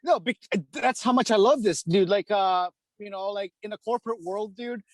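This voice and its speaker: A Filipino man who owns a hockey repair shop chats casually as a podcast guest, rambling and dropping plenty of "dude" and "you know." His voice sits high, his speed is normal, and there's no echo.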